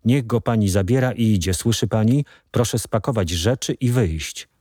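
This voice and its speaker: A man reading an audiobook, voicing a furious, scornful young woman who shouts her contempt in a raised voice. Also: on the low side, normal speed, dry recording, studio quality, natural voice. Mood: contemptuous.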